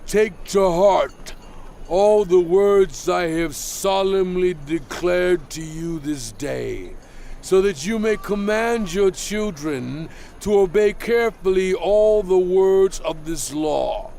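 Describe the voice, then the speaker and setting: An actor playing Moses as a solemn prophet in a dramatized scripture reading, declaiming in deliberate phrases. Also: male voice, high voice, gravelly, dark tone, a little hiss or hum, exaggerated voice. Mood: solemn exhortation.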